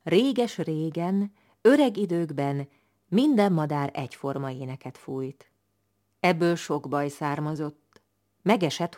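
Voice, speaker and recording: A woman with a low voice reads a folk tale aloud, letting her tone rise and fall widely. Her delivery is lilting and expressive, like a storyteller for children.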